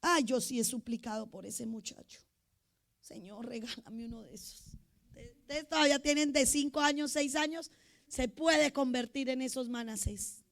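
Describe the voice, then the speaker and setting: A woman preacher with a high, bright voice. She delivers her sermon with feeling, dropping to quiet asides and then rising to sudden loud outbursts. She also acts out the voices of the people she quotes. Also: moderate pace, creaky. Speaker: pastor.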